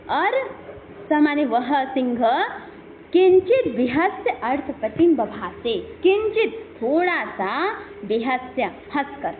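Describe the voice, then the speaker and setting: A woman teaching Sanskrit, telling the story in an animated way and acting out what the characters say. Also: high voice. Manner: animated storytelling, acts out quoted speech. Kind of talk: storytelling lesson explaining verses. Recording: phone-like line with faint hiss.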